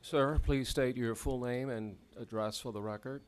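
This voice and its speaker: A man serving as hearing magistrate, giving measured, firm rulings with frequent pauses, heard in a courtroom hearing recording. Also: medium pitch, steady tone, clear, resonant tone. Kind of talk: formal hearing proceedings. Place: hearing room.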